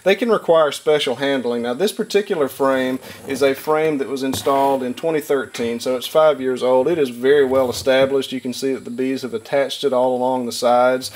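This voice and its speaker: A man in his thirties giving a relaxed, hands-on beekeeping lesson in a wood-paneled workshop, talking plainly with frequent fillers. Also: mid-range voice, fairly quick, hardly any pauses, a little hiss or hum. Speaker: beekeeper and channel host. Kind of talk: hands-on instructional talk.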